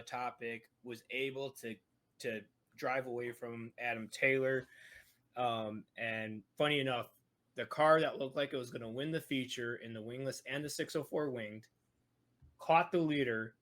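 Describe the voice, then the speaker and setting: A man's voice: medium pitch, fairly bright tone. A man co-hosting a racing podcast in casual chat, loose and jokey, laughing often and acting out other people's lines. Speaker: podcast co-host.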